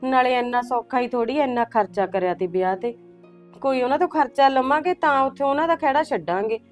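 A middle-aged woman as a gentle village mother, her voice a touch high and even. She coaxes and calms her children. Faint music runs under the scene. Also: fairly quick, lightly acted. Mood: soothing. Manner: calm, coaxing, keeps calling her children "son".

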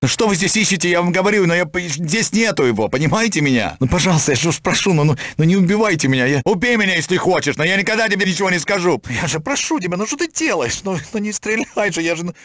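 A man's voice: high-pitched, expressive, fast, few pauses, a bit bright, dry recording, studio quality. A man playing a frightened, cowering man in a video game, stammering and repeating himself as he pleads for his life. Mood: terrified pleading. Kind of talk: video game character lines.

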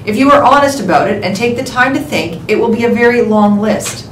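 A woman reading the morning announcements and prayer over a school intercom, in a steady, measured way. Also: fairly high pitch, a little hiss or hum. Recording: echoey, distant intercom sound with faint ambience.

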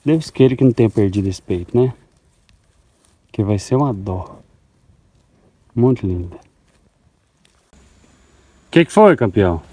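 A man's voice: on the low side, expressive, measured pace, long pauses, dark tone, husky, no room sound. A man from Goiás with a Goiás Portuguese accent, vlogging casually on his farm and talking affectionately to his cows. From Goiás, Brazil. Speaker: farmer vlogger. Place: outdoors on a cattle farm.

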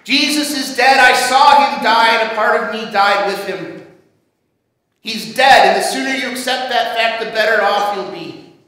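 A man's voice: very high voice, normal speed, bright, forceful tone. A man voicing the grieving apostle Thomas, who barks out stubborn denial, his voice noticeably raised, in an echoey church. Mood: bitter defiance. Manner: barking, insistent. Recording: echoey church hall reverb.

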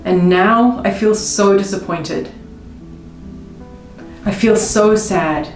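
A woman coaching viewers through a tapping session, speaking slow, emotive first-person affirmations. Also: mid-range voice. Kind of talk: guided tapping script spoken in first person. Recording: roomy with faint music behind.

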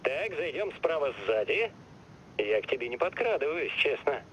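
An actor playing a chatty, joking young tech support teammate in a game, talking casually in slang. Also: male voice, fairly high pitch, very animated, moderate pace, a bit bright, muffled recording, a little hiss or hum. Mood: casual, playful. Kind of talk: dubbed game dialogue.

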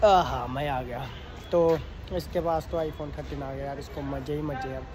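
A young man vlogging on his phone speaks at medium pitch in a steady tone and moderate pace, chatting to viewers as friends and guys. He films outdoors in town and in a busy restaurant, where music and crowd chatter make for a noisy recording.

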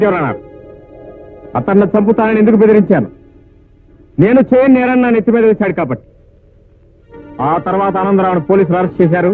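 An actor playing a defiant, sarcastic witness who confesses to a killing in a film courtroom scene. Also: male voice, medium pitch, lightly acted. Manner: bold, sarcastic, rising to shouts. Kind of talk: 1980s film courtroom drama. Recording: tinny lo-fi film soundtrack with faint music.

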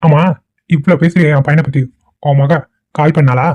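A man voicing an easygoing middle-aged father who teases his wife and lectures her calmly. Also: fairly high pitch, normal speed, muffled recording, close to an everyday voice. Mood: teasing. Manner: calm, teasing, lecturing.

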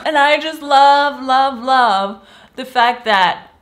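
Taking it slowly, a young Swiss woman with a high, slightly bright voice gives an enthusiastic, casual review of a TV show from a small room, often playfully performing lines she quotes from it.

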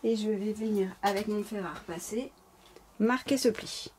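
A woman's voice: medium pitch, normal speed, a little mellow, slightly rough. A woman with a slight lisp giving informal, apologetic, step-by-step craft instructions as a tutorial host. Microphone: camera placed close over the work table.

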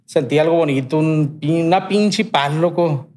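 A man with a Sinaloan Mexican Spanish accent, guesting on a podcast, tells a long personal story in casual, rambling speech heavy with slang and swearing. His voice is fairly high, a little slow, and a little mellow.

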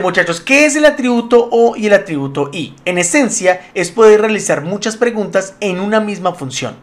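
A man giving a casual spreadsheet lesson, chatty and laughing easily as he talks to his viewers. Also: sits high. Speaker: Excel tutorial instructor.

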